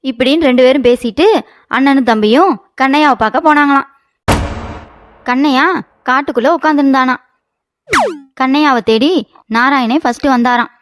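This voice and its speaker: A woman narrates a children's comedy tale in a folksy, storytelling way, her voice sitting high. A faint hiss runs underneath. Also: normal speed, pauses often. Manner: folksy storytelling, lines ending in "they say".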